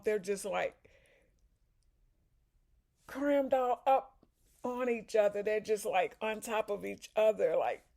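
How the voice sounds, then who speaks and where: A woman's voice: medium pitch, a little mellow. A woman from Chicago chatting casually in a vlog, talking while eating and sipping a drink. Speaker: vlogger. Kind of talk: casual chat.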